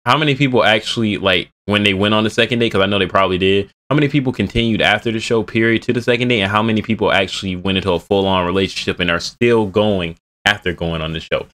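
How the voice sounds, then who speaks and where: A man's voice: fairly low pitch, quick pace, few pauses, fairly bright tone. A man of twenty giving slangy, rambling, joking commentary as a streamer reacting to a video, talking into a headset at home. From Bay Area.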